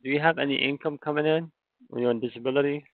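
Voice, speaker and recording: A man with a gravelly voice, an insurance telemarketer using informal, reassuring patter on a casual sales call. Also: a little high, fairly even intonation, quick pace, dry recording. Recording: narrow tinny phone line.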